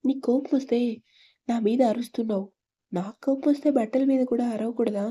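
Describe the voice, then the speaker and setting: A hot-tempered young woman snaps and accuses in a read-aloud love story, as a female narrator puts her on. The voice is a touch high but very dark and mellow, with none of the brightness a shrill quarrel might suggest. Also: a little fast, breathy edge. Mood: angry.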